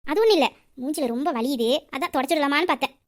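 A woman's voice: sits high, lightly acted. A woman acting a playful young woman in love, coaxing and teasing in a romantic audio drama. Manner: coaxing, teasing, quick banter.

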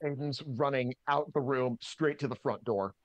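A man's voice: medium pitch, normal speed, dry recording, highs cut off. A man playing a tabletop game, declaring his character's actions urgently with stumbles. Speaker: player.

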